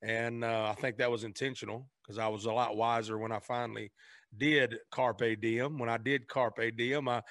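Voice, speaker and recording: A man's voice: mid-range voice, level tone, normal speed, fairly bright tone, no echo. An earnest man with a drawl talks as a podcast guest, restarting his sentences as he goes. His voice sits mid-range. The recording is dry and close. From Memphis, Tennessee, raised in Arkansas. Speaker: guest, singer. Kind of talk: casual conversation.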